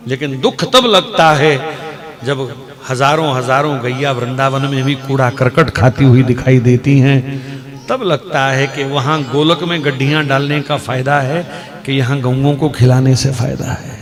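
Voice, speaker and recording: A man's voice: mid-range voice, measured pace, music in the background. A man preaching and telling a story in a sermon, in an impassioned, exhorting way. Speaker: devotional preacher.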